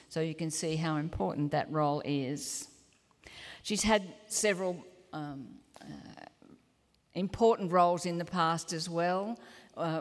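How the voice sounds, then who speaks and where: A woman chairing a session, formally introducing the next lecturer in a large lecture hall. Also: lowish voice. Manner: formal, deliberate, slows on welcome. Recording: long hall reverb.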